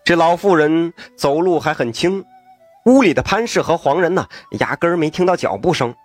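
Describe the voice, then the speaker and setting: A man telling a story in a traditional storytelling style, lively with folksy asides and exclamations. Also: a little high, moderate pace, dry recording, faint music behind.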